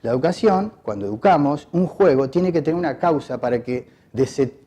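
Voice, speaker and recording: A man's voice: a little high, normal speed, warm tone, slightly rough. A man with a Rioplatense Spanish accent, an educator giving a reflective talk in short, thoughtful phrases and telling an anecdote.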